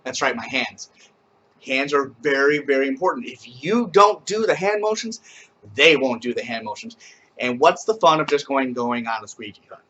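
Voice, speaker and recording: A man casually teaching a camp skit at home, explaining each step and then breaking into loud, rising call-and-response chanting. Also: medium pitch, animated, moderate pace, husky, lo-fi sound.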